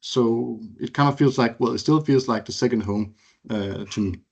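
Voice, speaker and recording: At a normal speed, a man in his thirties from Denmark shares casual memories as an alumni speaker, hesitant and prone to fillers and restarts. His mid-range voice is gravelly with a breathy edge, heard through muffled video call audio.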